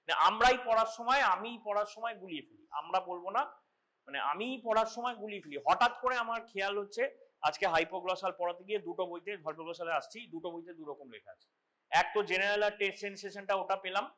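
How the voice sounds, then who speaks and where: A man's voice: high voice, bright, forceful tone. A man giving an anatomy lecture to medical students in a classroom, explaining step by step and mixing in English terms. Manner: explanatory, mixes English terms, frequent restarts.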